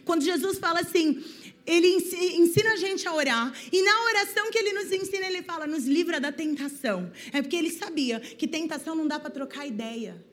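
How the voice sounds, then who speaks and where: A woman giving a devotional talk, telling a story in an animated way. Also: extremely high pitch, fast. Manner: animated, acts out story voices. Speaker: preacher.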